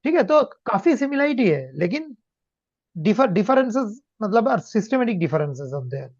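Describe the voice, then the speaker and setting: A man's voice: high voice, very animated, slow pace, no echo. Male language tutor on a muffled video call, patient, mixes two languages. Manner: mixes Hindi and English, keeps checking understanding. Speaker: German language teacher. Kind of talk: online demo class. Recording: dull lo-fi call audio.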